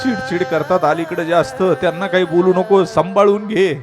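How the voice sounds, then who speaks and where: High-voiced man preaching an emotional kirtan. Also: steady tone, moderate pace, over music. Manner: emotional, with sudden swings between hushed and loud. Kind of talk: devotional story sermon.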